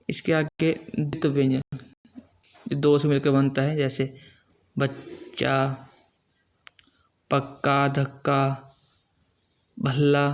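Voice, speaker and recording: A middle-aged man teaches grammar at an unhurried pace, holding each example sound out. His voice sits a little high for a man and stays level, with little rise and fall. He explains patiently, step by step. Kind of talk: classroom-style grammar lesson.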